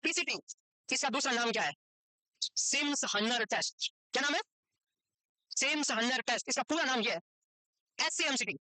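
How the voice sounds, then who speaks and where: A man teaching a medical course, lecturing in a chatty, joking way and quizzing students with quick questions he answers himself. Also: extremely high pitch, bright, forceful tone, no room sound, rough recording. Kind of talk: lecture to a class, mixed with casual chat. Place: classroom with students present and online.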